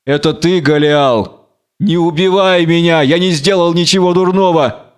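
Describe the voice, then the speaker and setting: A man's voice: on the high side, a little slow, clear, resonant tone, pitched above the performer's own voice, lightly acted. A man voicing a blind, chained male captive who pleads and cries out in fear. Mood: terrified.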